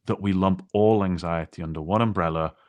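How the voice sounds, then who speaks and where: A man with a very low voice talks on a podcast, reflective and casual, stopping to restart his sentences. The sound is dry and close, with no room behind it. He speaks from his own experience. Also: brisk, dry recording. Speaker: podcast co-host.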